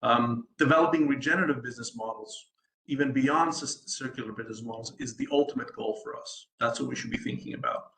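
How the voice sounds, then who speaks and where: A man's voice: mid-range voice, fast, creaky, fairly bright tone, reverberant, rough recording. A man from the United States, a sustainability design consultant, giving a presentation at an online event, hesitant with many ums and restarts and a habit of asking "right?".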